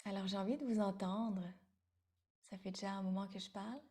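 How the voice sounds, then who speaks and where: A woman in her thirties from Vietnam, giving a halting, meditative spiritual talk as the teacher who leads a sharing circle, with many pauses and repeated words. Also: medium pitch, fairly even intonation, warm tone. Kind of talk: spiritual talk to an online audience.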